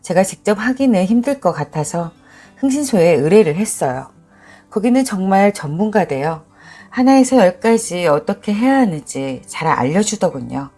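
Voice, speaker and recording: A woman narrating a dramatic first-person story with an expressive, emotionally charged delivery. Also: medium pitch, moderate pace, faint music behind.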